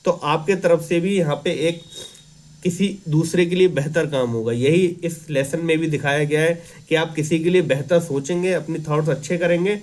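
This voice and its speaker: A man with a slightly raised pitch teaches an exam-prep class. He reads each English line slowly, then explains it calmly in mixed Hindi and English. His tone stays reflective and steady.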